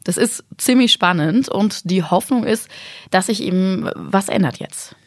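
A woman talks in a conversational news-podcast style. Her medium-pitched voice is slightly raspy and hoarse with a mild cold. The recording is dry, with little room sound. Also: measured pace, no echo.

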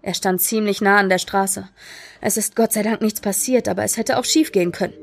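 A woman reading aloud, voicing a calm, polite adult man who reassures a lost child and his parents. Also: medium pitch, fairly quick, vocal fry, natural voice.

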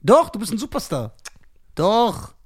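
A man's voice: sits high, sing-song, unhurried, slightly rough. A man co-hosting a casual podcast, joking around and laughing often. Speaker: comedian and podcast co-host. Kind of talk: casual banter.

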